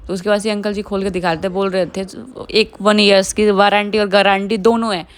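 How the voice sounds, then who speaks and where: A woman's voice: mid-range voice, flat delivery, fairly quick. A young woman from India, a chatty vlogger doing a casual voice-over who often laughs.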